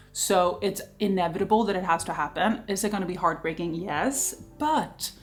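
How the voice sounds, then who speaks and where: Here a vlogger host from Sweden, a woman in her thirties with a Swedish accent, leads a relaxed Q&A. Her voice is on the low side, and she talks in a lively, chatty way, laughing a lot.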